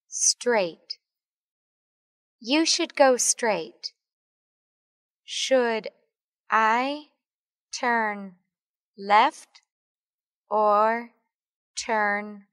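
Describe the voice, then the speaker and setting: A woman slowly reading English phrases for learners, one word at a time and then the full sentence, as a studio voice-over. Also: fairly high pitch, fairly bright tone, dry recording. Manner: reads each word separately, then the whole sentence. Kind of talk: slow word-by-word language drill.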